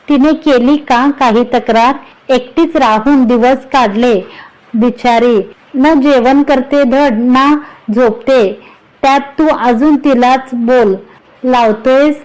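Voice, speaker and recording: A woman's voice: high voice, darkish tone, low-quality recording. A woman reading the part of an older mother figure who coaxes and teases her son affectionately, storybook-style. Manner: coaxing, affectionate.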